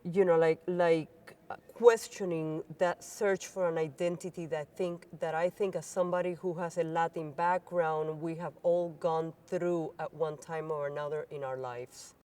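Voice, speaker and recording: A woman's voice: low voice, fairly even intonation, normal speed, dark tone, distant mic. Hesitant woman speaking a little off-mic. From Cuba, raised in Puerto Rico. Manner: searching, hesitant phrasing. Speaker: panel artist. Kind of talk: unscripted panel remarks. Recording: voice somewhat off-mic.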